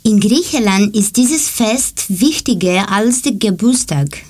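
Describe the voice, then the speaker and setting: A woman from Greece reads her part of a student presentation in careful German. She speaks slowly, with the steady pacing of a language learner reading from a script. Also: medium pitch, husky. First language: Greek. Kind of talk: read-aloud presentation.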